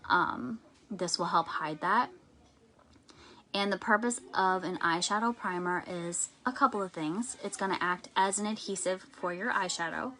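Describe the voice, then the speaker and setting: A woman's voice: fairly low pitch, a bit bright, low-quality recording. A woman beauty influencer giving a chatty, step-by-step live makeup tutorial at home. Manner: chatty, explains step by step in detail. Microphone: live-stream camera mic.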